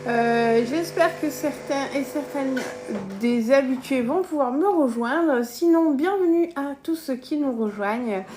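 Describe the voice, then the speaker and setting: High-voiced woman with southern French accent. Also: measured pace, hardly any pauses, music in the background. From south of France. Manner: chatty, greets viewers by name, laughs often. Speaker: cooking live-stream host. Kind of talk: casual live-stream chat. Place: home kitchen.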